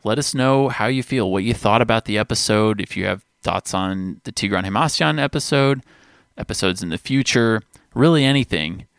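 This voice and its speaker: A man's voice: fairly low pitch, normal speed, creaky, smooth, no echo, studio quality. A man co-hosting a music podcast, chatting casually with amused enthusiasm and frequent fillers. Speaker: podcast co-host. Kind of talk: casual chat.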